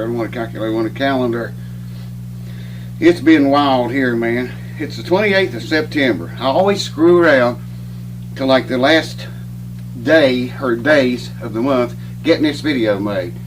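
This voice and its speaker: Middle-aged male vlogger, winded and folksy, mid-pitch, set back from the mic with a steady hum behind. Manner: folksy, rambling, says "man" a lot. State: out of breath. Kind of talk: casual chat to camera. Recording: distant mic with clear hum.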